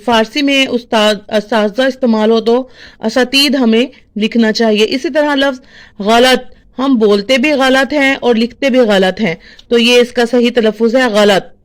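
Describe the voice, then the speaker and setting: A woman with a Pakistani Urdu accent giving an informal lesson on correct spelling and pronunciation, pausing often with fillers. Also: fairly high pitch, fairly even intonation. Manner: hesitant, with frequent fillers and restarts. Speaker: teacher sharing word corrections.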